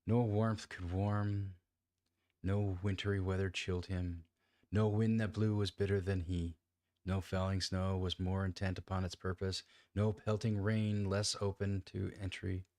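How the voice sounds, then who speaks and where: Deep-voiced man reading a story aloud. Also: flat delivery, unhurried, darkish tone, dry recording, clean studio sound. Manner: stumbles, restarts lines and comments on his own reading. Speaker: amateur reader. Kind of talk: reading a classic novel aloud.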